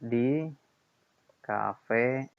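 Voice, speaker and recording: A man's voice: mid-range voice, drawn-out words, vocal fry, slight background noise. A man teaching a grammar lesson, explaining patiently and repeating key points with checks like "ya" and "nah". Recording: dull lo-fi sound.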